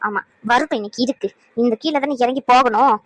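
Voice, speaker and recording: A woman's voice: a little high, no echo, poor audio. A scolding mother-in-law. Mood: grumbling. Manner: sharp, grumbling, rapid scolding. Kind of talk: cartoon voice acting.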